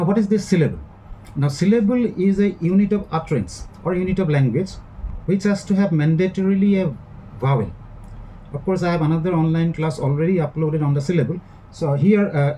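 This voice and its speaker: A man's voice: on the high side, dark tone, slight background noise, rough recording. A man with an Indian English accent giving a recorded online lecture, explaining step by step and often repeating and rephrasing his points with fillers.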